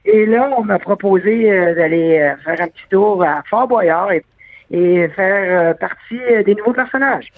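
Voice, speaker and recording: A man's voice: high-pitched, a little slow, no room sound. A man with a Québécois accent, an actor guest joking and then talking with many hesitations in a phone interview. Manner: hesitant, jokey, many fillers. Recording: tinny phone line, dry.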